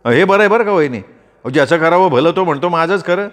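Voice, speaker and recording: A man's voice: on the high side, lively intonation, a little fast, fairly bright tone, voice pushed up. A man voicing a witty, mischievous young man with political ambitions, in an audiobook story. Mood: joking. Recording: roomy reverb.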